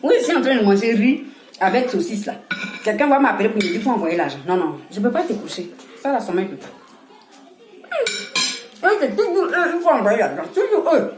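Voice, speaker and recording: A woman with an Ivorian French accent, talking casually and scolding with animated laughs. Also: fairly high pitch, fairly quick, reverberant, over music. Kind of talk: casual monologue to camera.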